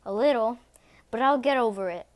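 A woman's voice: on the high side, fairly quick, no room sound, close to an everyday voice. A woman voicing a grumpy, bitter cat father who scolds in a sour way in a read-aloud storybook.

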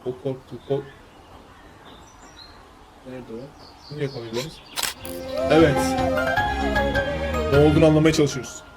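A man streaming a game, commenting casually with wry asides that turn loud and excited. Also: medium pitch, normal speed, pauses often. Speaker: gameplay streamer. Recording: game music playing behind.

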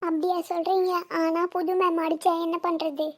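A woman voicing a scared, tearful schoolboy who whines and pleads slowly in a cartoon. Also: very high voice, flat delivery, darkish tone, no room sound, studio quality. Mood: calmer. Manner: whiny, pleading, slow.

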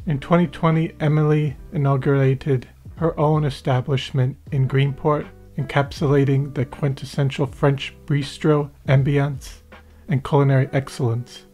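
A local podcast host reads a formal, wordy, ornately phrased scripted introduction before moving on to interview questions. His voice sits at a medium pitch with a somewhat dark tone.

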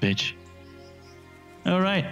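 A man's voice: high-pitched, sing-song, extremely slow, gravelly, fairly bright tone, faint music behind. A man hosting a let's-play, giving casual, crude running commentary full of swearing and jokes. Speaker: gaming channel host.

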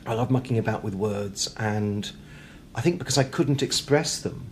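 Speaking at a moderate pace in a fairly low voice, a British guest chats through a casual interview. He's talkative and self-deprecating, with hesitations and repeated words, against clear background noise and room ambience.

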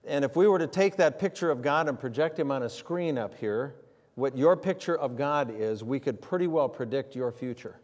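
A man's voice: medium pitch, lively intonation, normal speed, a little mellow. An older man, preaching a sermon in a folksy storytelling way. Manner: folksy storytelling with many fillers. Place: church sanctuary. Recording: long hall reverb in a church.

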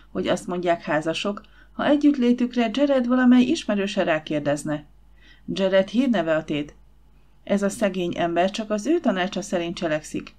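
A woman narrating an audiobook in a steady, clear storytelling voice. Her pitch sits slightly low for a woman. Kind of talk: scripted narration.

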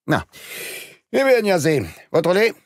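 A man voicing a measured, matter-of-fact middle-aged male magistrate in an audiobook. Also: high voice, huge pitch swings, dry recording, studio quality, voice pushed up, full character voice.

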